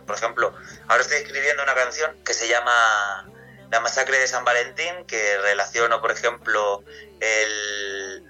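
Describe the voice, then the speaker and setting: A man's voice: mid-range voice, pushed and bright, poor audio. A man from Castilla-La Mancha, a singer being interviewed on radio, answering at length in a casual, rambling way with many restarts. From Castilla-La Mancha, Spain.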